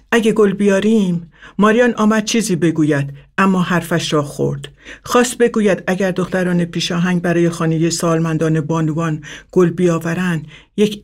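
A man reading a story aloud in a calm, even narration. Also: on the high side.

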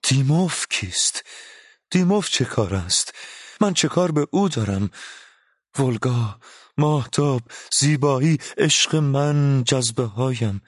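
A man's voice: mid-range voice, expressive, no room sound, studio quality, voice pushed up, close to an everyday voice. Man doing a lovesick, pleading painter. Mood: impassioned. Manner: fervent, pleading and breathless. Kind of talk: audiobook character voice.

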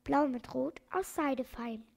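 A kind, cheerful animal doctor comforts a patient in gentle sing-song rhymes, as a woman puts him on. The voice sits high with a gravelly edge, a storybook figure. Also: slow pace, full character voice. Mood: comforting.

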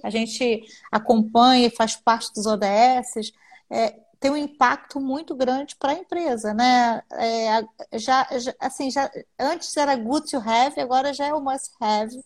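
Brazilian woman, kinda high voice, guest on a live stream, animated and keeps adding little question tags. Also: measured pace. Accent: Brazilian Portuguese. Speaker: guest business consultant. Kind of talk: casual live-stream interview chat.

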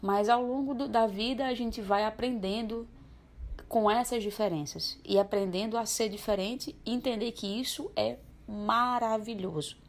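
A woman in her twenties telling her personal story as a podcast guest, reflective and lively. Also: on the high side, moderate pace. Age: 20s. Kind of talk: personal testimony.

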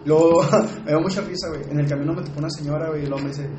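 A man's voice: a little high, steady tone, racing. A young man with a Mexican accent telling a personal story in casual, slangy podcast chat. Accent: Mexican Spanish. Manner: slangy, peppers every line with "güey". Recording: echoey room with background noise.

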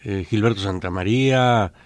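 A man's voice: lowish voice, normal speed, no echo. A man co-hosting a podcast, chatting in an opinionated way with lots of fillers and repeated no's. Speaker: podcast co-host. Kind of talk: casual chat.

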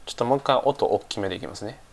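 A man with a somewhat low voice gives a casual English lesson, still a little stuffy-nosed from a cold. He talks unhurriedly, with plenty of fillers. He repeats each key phrase slowly and carefully. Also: creaky. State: slightly stuffy nose, recovering from a cold. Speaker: English teacher.

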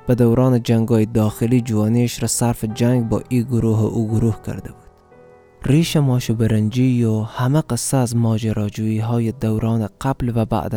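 Narrator: a man with an Afghan Dari accent and a very dark, mellow voice, reading steadily over faint music. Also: medium pitch. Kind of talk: radio story reading.

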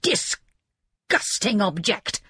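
A woman voicing a cruel, bad-tempered young male wizard who shouts in slow, heavy outbursts. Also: mid-range voice, sing-song, breathy edge, dry recording, clean studio sound, heavily acted. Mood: angry.

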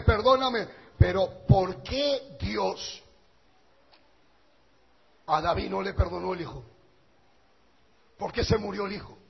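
A male pastor preaching a sermon with passion, swinging from quiet talk to shouting. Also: sits high, gravelly, breathy edge. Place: church hall. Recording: dull lo-fi church recording with long reverb.

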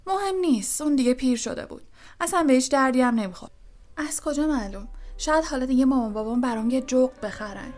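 A woman's voice: fairly high pitch, natural voice. Ron, eager loyal schoolboy, read by a woman. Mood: consoling. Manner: eager, resolute. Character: loyal, excitable teenage boy wizard. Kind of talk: audiobook character voice.

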